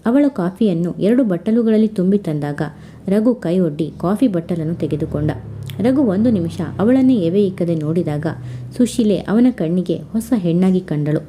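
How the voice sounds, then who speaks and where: A woman narrating a family love story at a calm, even reading pace. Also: fairly low pitch, normal speed, a little hiss or hum.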